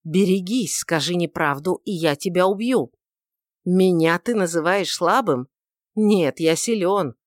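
A woman's voice: on the low side, unhurried, dry recording, lightly acted. Woman doing a grieving male outlaw, pleading, passionate, dry recording. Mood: fierce. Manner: pleading, brooding.

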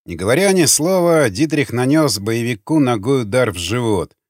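A man reading an audiobook in steady, dramatic storytelling. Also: medium pitch, moderate pace, no echo, studio quality. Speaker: audiobook narrator. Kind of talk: audiobook narration.

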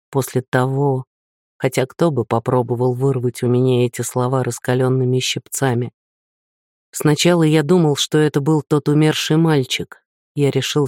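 A man voicing a bitter, proud young man in a storybook reading, speaking quietly and with restraint. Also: medium pitch, no echo, clean studio sound, natural voice.

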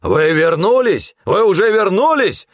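A man voicing a brutal, furious male gang thug who snarls and shouts abuse. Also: sits high, sing-song, measured pace, no room sound, clean studio sound, voice pushed up, heavily acted.

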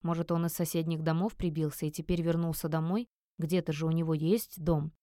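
A woman voicing a calm, comforting young man in his late twenties, speaking softly with a lowered, reassuring voice in an audiobook reading. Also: fairly quick, no echo, studio quality, lightly acted. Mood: soothing. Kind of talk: audiobook character voice.

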